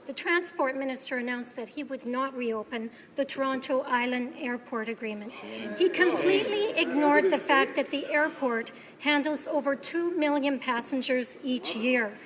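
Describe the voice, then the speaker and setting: A woman's voice: high-pitched, normal speed. A woman who is an opposition member of parliament, delivering a prepared formal question. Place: large legislative chamber. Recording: echoey hall, crowd behind.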